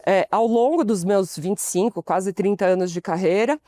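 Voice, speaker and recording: A woman in her forties from Brazil tells stories from her working life as an interview guest. She voices the people in her stories as she goes, with a lively, personal delivery. The sound is dry and close. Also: medium pitch, moderate pace, no room sound. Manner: expressive storyteller, acts out quoted dialogue. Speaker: podcast guest, consultant. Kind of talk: storytelling interview conversation.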